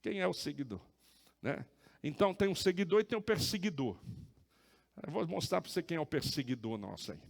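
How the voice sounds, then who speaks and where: A man preaching as a pastor, telling a story with lively acted-out dialogue. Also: a little high, fairly quick, creaky, long pauses. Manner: animated, acts out dialogue in the story. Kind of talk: sermon with storytelling. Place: church. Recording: church hall reverb.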